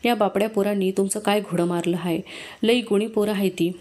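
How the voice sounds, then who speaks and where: A woman's voice: medium pitch, fairly even intonation, brisk, a little mellow, close to an everyday voice. A woman reading aloud and voicing a middle-aged village potter woman who scolds and pleads in rustic speech. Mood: pleading.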